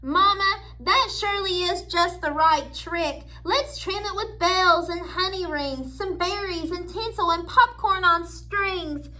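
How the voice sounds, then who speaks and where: A woman's voice: very high-pitched, slow, hardly any pauses, pushed and bright, voice pushed up, full character voice, low-quality recording. A woman voicing an eager, jolly male bear from a children's storybook, homely and exclamatory.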